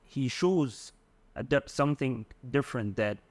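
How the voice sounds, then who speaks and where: A man with an Egyptian Arabic accent, explaining word meanings in a conversational language lesson, in halting, piecemeal phrases. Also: medium pitch, animated, dry recording. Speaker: Arabic dialect co-teacher.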